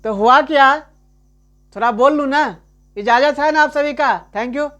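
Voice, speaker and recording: A man teaching a grammar lesson in a chatty way, keeps asking "right?", calls the listener his friend, and repeats example sentences slowly. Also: very high voice, pushed and bright.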